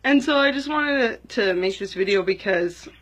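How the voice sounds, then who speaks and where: A woman's voice: mid-range voice, expressive, normal speed, a bit bright, poor audio. Earnest rambling woman sharing a testimony. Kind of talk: casual testimony vlog.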